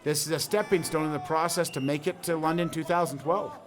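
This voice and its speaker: A man giving wrestling color commentary at an outdoor event, halting and full of fillers like "you know". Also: fairly high pitch, steady tone. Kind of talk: sports commentary.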